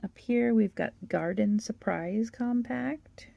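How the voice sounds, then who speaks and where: Hoarse woman with a gravelly voice. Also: fairly high pitch, slow, no echo, highs cut off. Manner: chatty, gushing, with little laughs. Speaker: toy collector channel host. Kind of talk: casual show-and-tell of a toy catalog.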